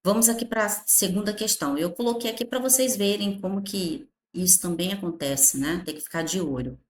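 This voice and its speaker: A Brazilian woman teaching a grammar lesson with lively, drawn-out emphasis. She keeps checking that the class follows along. Her voice rings in an echoey room, at a medium pitch. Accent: Brazilian Portuguese. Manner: animated, stretches words, frequent "tá?" and "ó" checks.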